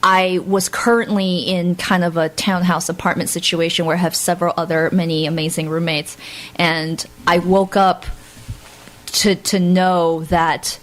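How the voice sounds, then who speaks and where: Young female podcast co-host, rambling and enthusiastic, low in pitch. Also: little pitch movement, a little slow. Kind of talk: casual chat.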